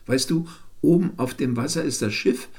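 A man's voice: mid-range voice, moderate pace, a little mellow, husky, voice pushed up. A man voicing a boastful, know-it-all older brother in a bedtime story reading. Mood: explaining.

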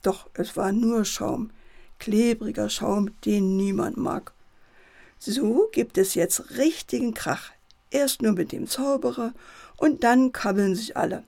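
A woman narrating a children's bedtime story in a gentle, lively way. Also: fairly high pitch, slow pace, vocal fry.

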